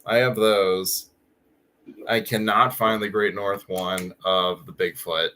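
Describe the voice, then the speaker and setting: A man's voice: on the low side, fairly even intonation, slow pace, pushed and bright, slight background noise. A man co-hosting a casual fan podcast, chatty and full of filler words. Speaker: podcast co-host.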